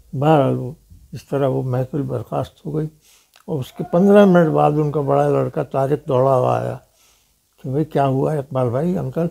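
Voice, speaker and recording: Older man with a very gravelly voice. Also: a little high, warm tone. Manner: recounts stories, acting out others' quoted words. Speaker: interviewee, detective novelist. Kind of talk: anecdotal storytelling.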